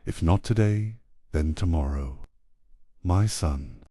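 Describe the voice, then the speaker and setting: Man playing Adam, a deep, gentle old father. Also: slow, no room sound, clean studio sound. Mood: calm, fatherly. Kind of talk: scripted audio drama.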